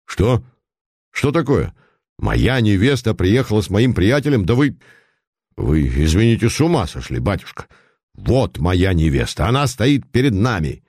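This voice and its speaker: A man voicing a loud, confident young cavalry officer with a cheerful, ringing voice. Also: on the low side, very animated, moderate pace, slightly rough, dry recording, clean studio sound, heavily acted. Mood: bewildered. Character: cheerful young male hussar officer, bewildered.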